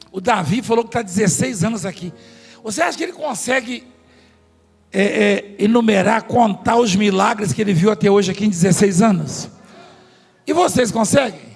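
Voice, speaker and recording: A man preaching in a big church hall, his voice high and gravelly with a husky edge. He tells stories and jokes with the congregation and staff. Long reverb hangs on every phrase, with soft music underneath. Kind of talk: sermon.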